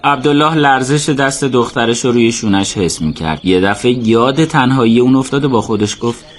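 A man narrating a radio drama in a steady, measured storytelling voice. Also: medium pitch.

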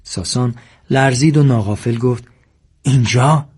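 Brief: husky male narrator, measured audiobook storytelling, mid-pitched. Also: darkish tone.

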